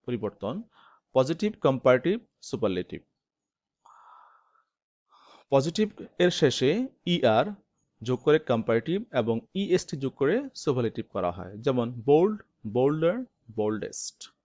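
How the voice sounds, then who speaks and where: A man giving a recorded grammar lesson, stressing each word form slowly and clearly. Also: mid-range voice, very animated, a little mellow, no echo. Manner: slow, stressed reading of word forms. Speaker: English grammar teacher. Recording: dull, lo-fi, dry.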